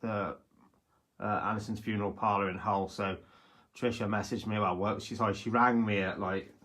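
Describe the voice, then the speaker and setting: A man's voice: on the low side, little pitch movement, moderate pace, a bit bright. A man chatting casually on a ghost-hunting live stream, explaining things in a conversational, sceptical way.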